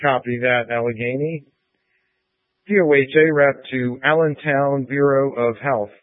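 A man's voice: medium pitch, fairly even intonation, measured pace, dry recording. A man working net control over a two-way radio, calling stations one after another in clipped protocol. His voice sits in a middle register and comes through thin and tinny, like a narrow radio channel. There is no room sound around it at all. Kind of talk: radio roll call. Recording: tinny dry radio transmission.

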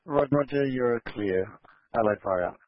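A man's voice: mid-range voice, measured pace, no room sound. Man, fire dispatcher, two-way radio, terse formal acknowledgements, lo-fi, dry sound. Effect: two-way radio transmission. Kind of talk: clipped radio dispatch procedure.

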